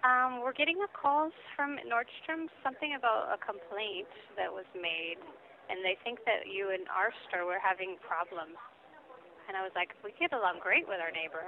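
A woman's voice comes through a muffled phone line. She is a store manager with a mid-range pitch, and she speaks politely, sounding puzzled and asking for explanations. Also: moderate pace. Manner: polite, puzzled, asks questions. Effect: heard over the phone.

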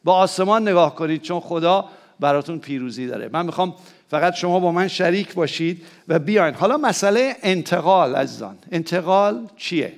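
A man's voice: a little high, vocal fry. A man with a Persian accent, preaching a sermon to his church. He keeps asking the congregation questions and calls on them to answer aloud. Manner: rises to emphatic, excited peaks. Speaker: pastor.

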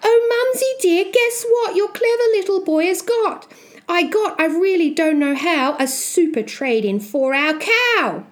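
A woman voicing a cheeky, excitable young boy in a storybook, squealing and exclamatory. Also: extremely high pitch, measured pace, voice pushed up. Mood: proud.

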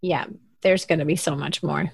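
A woman's voice: deep voice, fairly even intonation, normal speed, vocal fry, slightly rough, dry recording, studio quality. A woman co-hosting a podcast in casual chat, her voice scratchy from having been intubated. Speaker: podcast co-host.

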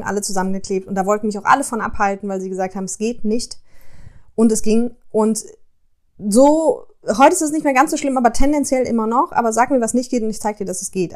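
A woman hosts her own podcast and tells personal stories in a relaxed, chatty way. Her voice sits somewhat high, and she talks expressively, often turning to address her listeners directly. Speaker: podcast host. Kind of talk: casual personal storytelling.

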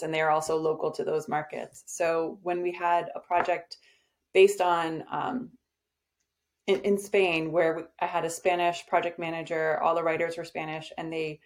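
This agency owner, a guest on a podcast, has a fairly low, darkish voice. She talks about her business in a casual conversational interview, sounding direct and confident while dropping frequent "um" fillers.

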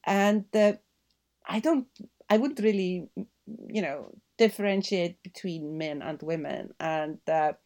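A woman's voice: fairly low pitch, takes it slowly, a little mellow. A middle-aged woman from Iceland with an Icelandic accent, answering interview questions thoughtfully, with many fillers and restarts. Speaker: guest. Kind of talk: podcast interview conversation.

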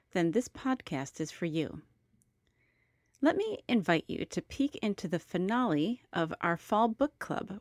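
A woman with a lowish voice opens her podcast with a scripted, welcoming introduction. The recording is close and dry, with almost no room sound. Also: no echo. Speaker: podcast host.

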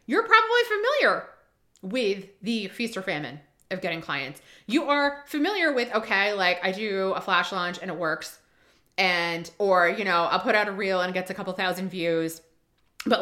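Woman, from Rhode Island, podcast host, casual monologue, bright voice, emphatic, rambling asides. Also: mid-range voice. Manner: emphatic, repeats key lines, riffs with many asides.

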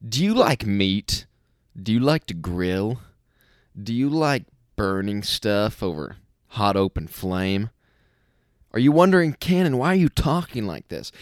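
A man's voice: fairly low pitch, sing-song, a little slow, dry recording, clean studio sound. A man, a podcast host, putting on a pushy, over-the-top ad-announcer voice. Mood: hammy salesy.

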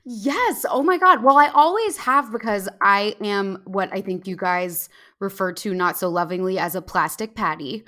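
An American woman from New Jersey with a loud Valley Girl voice, chatting and telling anecdotes as a podcast guest. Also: medium pitch, animated, moderate pace, few pauses. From New Jersey, United States. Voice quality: loud, carrying voice. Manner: chatty Valley Girl delivery, emphatic, with many "like"s. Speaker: podcast guest, writer and comedian. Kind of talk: casual chat, telling anecdotes.

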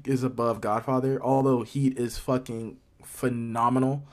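A man's voice: mid-range voice, flat delivery, normal speed. A man co-hosting a casual movie podcast, laid-back and playfully teasing. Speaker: podcast co-host.

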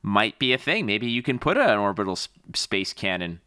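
A man's voice: on the low side, sing-song, moderate pace, sharp tone, clear, resonant tone, dry recording, clean studio sound. A man co-hosting a podcast about a card game, chatting in an upbeat, rambling way with lots of fillers. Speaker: podcast co-host. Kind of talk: casual chat.

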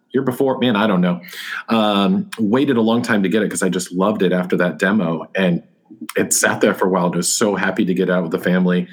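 A man's voice: low-pitched, slightly rough. A man in his thirties or forties chatting informally as an interview guest, thinking aloud as he goes. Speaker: guest, board game designer and artist. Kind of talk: casual interview chat.

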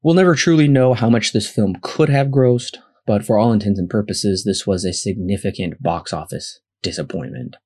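Male podcast host, lowish pitch, delivering scripted film trivia, stats and rankings in an orderly, methodical read. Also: normal speed, few pauses, a little mellow. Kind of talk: scripted film-facts narration.

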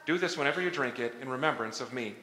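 A pastor leads his congregation through prayer and the words of communion in a solemn, measured cadence. His bright voice carries through a large church sanctuary and rings with cathedral echo and a long reverb tail. Faint room ambience sits underneath. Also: medium pitch, a little hiss or hum. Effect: cathedral-like echo from a large church hall.

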